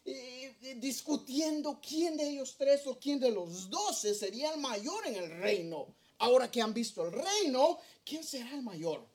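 A man's voice: very high-pitched, animated, unhurried, hardly any pauses, darkish tone. A middle-aged male pastor preaching a sermon, earnest and storytelling as he addresses his congregation.

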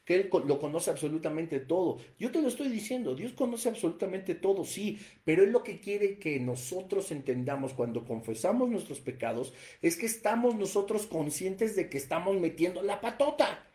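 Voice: mid-range voice, expressive, moderate pace, few pauses, mellow, roomy sound. A preacher giving an emphatic Bible lesson, firing off rhetorical questions and reading verses aloud. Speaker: Bible teacher.

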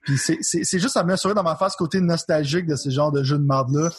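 Young man, Québécois accent, husky voice, slangy rambling podcast chat. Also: on the high side, fast talker. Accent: Québécois French. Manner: loose, profane, mixes English words into French. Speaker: podcast co-host. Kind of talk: casual chat about video games.

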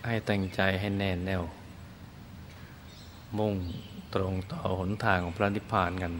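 A man teaching Buddhist meditation, guiding listeners gently and soothingly in short phrases with long pauses. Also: low voice, steady tone, noisy background. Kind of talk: guided meditation instruction.

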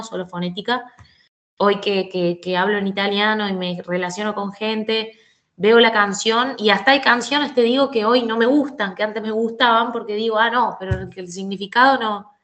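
A young woman with an Argentine Spanish accent talks through her story as a guest singer. Her voice sits in a middle register, and she tells it in an animated, rambling way, full of fillers and restarts. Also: mid-range voice. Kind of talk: casual interview chat.

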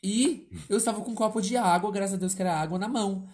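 Animated Brazilian man telling stories. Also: high voice, fast talker. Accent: Brazilian Portuguese. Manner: animated storytelling with frequent exclamations. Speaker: podcast co-host. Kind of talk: casual chat among couples.

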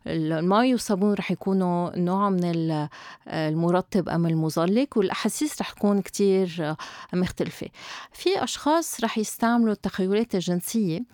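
A woman's voice: on the low side, a little fast, mellow, no room sound, studio quality. A woman with a Lebanese accent in a casual advice conversation, explaining things as a therapist co-host and dropping in English words. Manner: explanatory, mixing in some English and French loanwords. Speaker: sex therapist co-hosting an advice show.

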